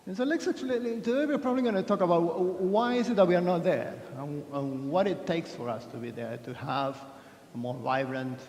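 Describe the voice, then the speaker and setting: Brisk and fairly high-pitched, with a darkish tone, the man delivers a chatty keynote. He's an Argentine conference speaker who jokes at his own expense and restarts often, recorded amid the long reverb of a big, echoey hall.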